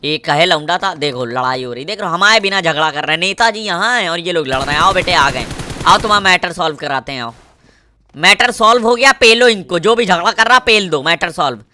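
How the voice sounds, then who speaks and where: Brief: loud Kanpur-accented male gamer, cocky trash-talker, sharp bright tone. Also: on the high side, lively intonation, quick pace, dry recording. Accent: Kanpur Hindi. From Kanpur, India. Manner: swaggering, crude trash talk, shouting at enemies. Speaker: mobile gamer. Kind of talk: live gameplay commentary.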